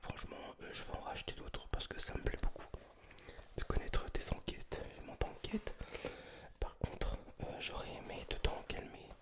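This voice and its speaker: A man whispering in a hushed, breathy library whisper, chatting informally and hesitantly about things in ASMR style. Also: normal speed. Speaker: ASMR video creator. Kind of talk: whispered ASMR book chat.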